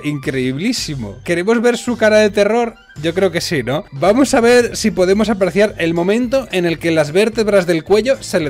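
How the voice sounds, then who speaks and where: A man giving profane, excitable let's-play commentary, often bursting into loud laughter. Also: high voice. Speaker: gaming youtuber.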